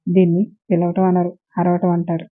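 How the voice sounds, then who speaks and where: A woman's voice: lowish voice, monotone, a little fast, natural voice. A woman voicing a practical, firm but caring mother-in-law who talks in a scolding, matter-of-fact way. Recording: tinny phone-like sound.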